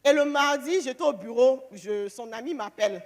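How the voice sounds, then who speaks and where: High-voiced woman telling her testimony. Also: normal speed, in a large hall. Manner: animated storytelling, acting out phone calls. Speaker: churchgoer giving a testimony. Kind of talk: emotional church testimony.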